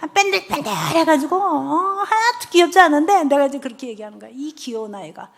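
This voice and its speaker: Middle-aged woman preacher, higher voice, animated storyteller who slips into hushed whispers. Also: fast, vocal fry. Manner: lively storytelling, acting out children's and her own lines; drops to soft near-whispers for tender lines. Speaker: church deaconess speaker. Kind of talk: testimony sermon at a church revival meeting.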